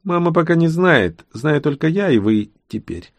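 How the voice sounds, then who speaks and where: Мужчина играет дерзкого юного хвана. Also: male voice, fairly high pitch, expressive, normal speed, dry recording, pitched above the performer's own voice. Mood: insistent. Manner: pushy, insistent. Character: youngest young male khan, brash schemer.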